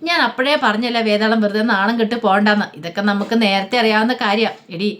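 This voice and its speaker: A woman's voice: mid-range voice, quick pace, a bit bright, natural voice. A woman reading out the lines of a mocking young man who taunts a woman. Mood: taunting. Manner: sarcastic taunting.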